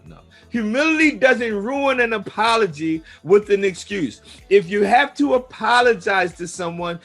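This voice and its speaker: A man's voice: a little high, a bit bright. A man leading a peer recovery leadership training, preaching each point with emphatic repetition. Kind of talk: motivational training lesson.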